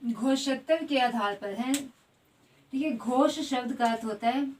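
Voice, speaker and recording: A woman with a fairly high voice teaches an exam grammar lesson. She keeps checking in with the class and drags out each vowel as she lists them. She sits a little back from the microphone. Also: a little mellow. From India. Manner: repeats "ठीक है" constantly, spells out vowels slowly. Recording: voice at a distance from the mic.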